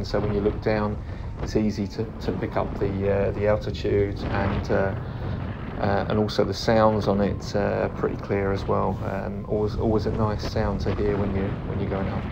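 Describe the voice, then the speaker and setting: A paraglider pilot narrates his own flight video in a calm, understated, hesitant way, pausing often. His voice is fairly low and the sound is lo-fi. A clear, steady background noise resembling vehicle ambience runs underneath.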